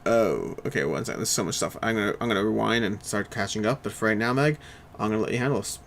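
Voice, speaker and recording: A man's voice: on the low side, vocal fry, a bit bright, slight background noise. A man co-hosting a board game stream, thinking aloud as he plans his moves. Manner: quick, thinks aloud, mutters to himself. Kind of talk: casual chat while playing.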